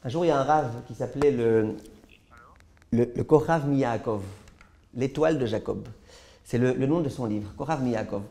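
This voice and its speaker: A man who is a rabbi teaching a Torah lesson to a live audience, telling stories in a lively way and often stumbling over repeated words. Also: medium pitch, moderate pace, vocal fry, long pauses. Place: class hall with a live audience.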